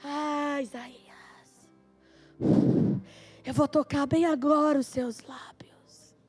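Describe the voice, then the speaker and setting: A woman voicing a seraph who speaks in a low, hushed, breathy way. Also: steady tone, takes it slowly, soft background music. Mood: tender.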